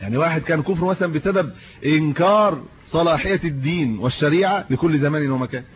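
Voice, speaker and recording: A man's voice: on the high side, fast. A man with an Egyptian Arabic accent giving a religious lesson, reading classical texts and explaining them in everyday speech with rhetorical questions. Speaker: religious teacher. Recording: muffled lo-fi audio with faint hiss.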